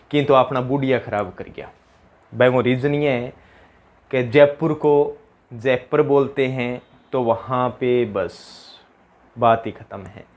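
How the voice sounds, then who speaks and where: A young man teaches an exam-prep lesson. His voice sits at an ordinary middle pitch. He keeps the tone chatty, repeats key words for drilling, and drops into local dialect asides.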